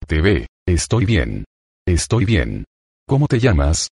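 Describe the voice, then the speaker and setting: A man's voice: low voice, wildly swooping pitch, slow pace, vocal fry, a little mellow, slightly rough, dry recording, studio quality, full character voice. A man reading the lines of a bored young female cashier, in a plain reading voice. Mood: bored, giddy. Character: young woman, bored juice bar cashier.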